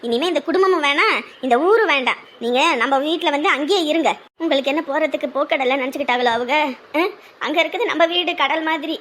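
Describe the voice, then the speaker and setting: A woman's voice: sits high, fast talker, fairly bright tone. A woman, fiercely scolding in a family drama. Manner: lamenting then fiercely scolding. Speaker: wife of the brother, sister-in-law of the bride's side. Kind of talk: rural family drama acting.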